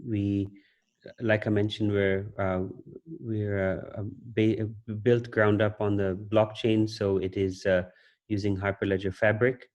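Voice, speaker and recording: A man introducing himself and his company at an online meeting, speaking in a halting way with many fillers over a video call. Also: fairly low pitch, little pitch movement, darkish tone, lo-fi sound.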